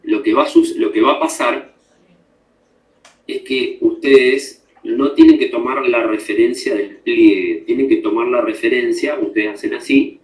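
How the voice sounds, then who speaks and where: A man teaching a class, explaining step by step and often checking that students follow. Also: mid-range voice. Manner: explanatory, checks understanding with frequent tag questions. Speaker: instructor. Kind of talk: classroom lecture. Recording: echoey room.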